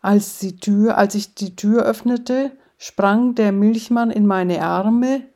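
A woman voicing a bewildered man retelling a strange morning at a bar, a bit louder than her narration. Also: mid-range voice, slow pace. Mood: puzzled.

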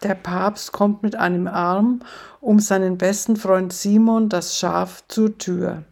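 A woman tells comic stories at an unhurried pace. Her voice has a steady, gravelly creak, and she narrates plainly between the voices she puts on. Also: medium pitch. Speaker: joke teller. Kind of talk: comic storytelling.

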